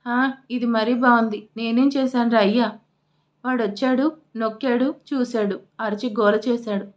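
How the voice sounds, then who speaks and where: Playing a crude, domineering grandmother in an audio storybook, a woman narrator fires off quick, coarse scoldings in a slightly high voice. Her intonation stays fairly even, and she sounds close to her everyday voice.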